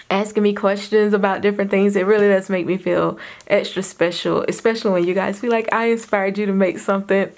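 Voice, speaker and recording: A woman's voice: mid-range voice, a little mellow. Giggly Southern woman chatting to viewers. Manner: chatty, giggly, rambling with many fillers. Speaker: craft YouTuber. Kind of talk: casual chat to viewers.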